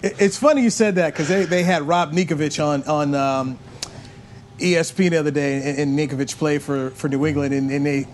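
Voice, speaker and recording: Higher-voiced American male sports radio host. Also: a little fast, slight background noise. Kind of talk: casual sports chat.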